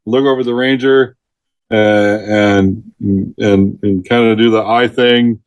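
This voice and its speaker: A man's voice: lowish voice, takes it slowly, no room sound. Middle-aged man telling rescue stories, dry sound. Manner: lively storyteller who laughs mid-sentence and acts out quotes. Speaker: retired forest ranger, podcast guest. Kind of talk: storytelling in a casual interview.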